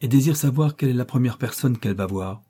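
A man's voice: mid-range voice, fast, mellow, slightly rough, voice pushed up, natural voice. A man voicing a hesitant, deferential male servant in a storybook reading.

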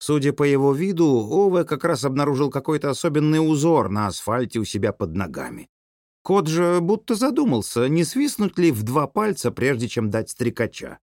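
Guy reading a novel aloud, really lively up and down, dry close mic. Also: fairly high pitch, moderate pace, dry recording. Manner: animated storytelling delivery. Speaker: audiobook narrator. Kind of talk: scripted narration.

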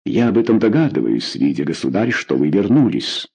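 A man's voice: low-pitched, big pitch swings, fairly quick, creaky, a little mellow, husky, heavily acted. A man voicing a loyal captain of the guards in an audiobook, speaking plainly and steadily. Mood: steady. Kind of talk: audiobook character voice.

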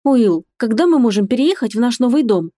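A woman reading an audiobook, voicing a young woman in love with a high, emotional delivery. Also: expressive, a little fast, dark tone, dry recording, close to an everyday voice. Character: young woman, anxious then joyful bride.

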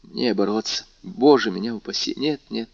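A man's voice: lowish voice, moderate pace, vocal fry, a little mellow, no echo, highs cut off. A man reading aloud and voicing a distressed young woman torn by duty, pleading and agitated.

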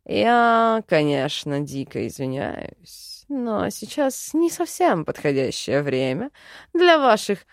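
A woman voicing a sardonic male jinn who talks loudly with a sarcastic drawl. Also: mid-range voice, sing-song, slow pace, dry recording, clean studio sound.

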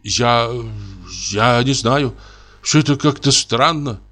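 A man's voice: medium pitch, slow pace, bright, forceful tone, pitched above the performer's own voice. A man voicing a poor young technician who mumbles and stammers hesitantly. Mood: flustered. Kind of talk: audiobook character reading.

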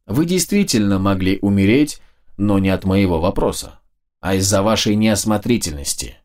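A man narrating a fantasy audiobook in a steady, measured storytelling manner. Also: lowish voice.

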